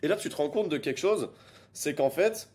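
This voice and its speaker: A young man giving an energetic online business lesson as a coach, emphatic and repeating points for stress. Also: on the high side, moderate pace.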